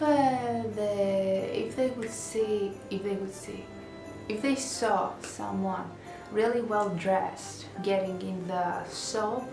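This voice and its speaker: Chatting to her camera in a small indoor bedroom, a young vlogger from Greece speaks with a Greek accent and often fills gaps or starts over. Her mid-range voice has vocal fry. Background music plays, and the space sounds roomy and echoey.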